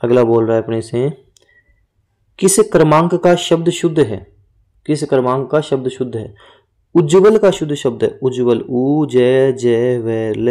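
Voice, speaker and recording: A man with a mellow, dark-toned voice works through exam questions as a teacher. He repeats each word slowly and spells it out so students remember it. His delivery is steady and instructive. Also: mid-range voice. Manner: explains and repeats words, drills spelling points. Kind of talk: exam-prep lesson.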